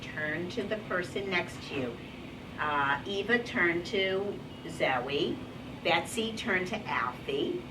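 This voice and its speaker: A teacher with a lowish, expressive voice reads slowly from a picture book to a group of small children, coaching and encouraging them along the way. She's captured by a distant mic amid heavy classroom noise.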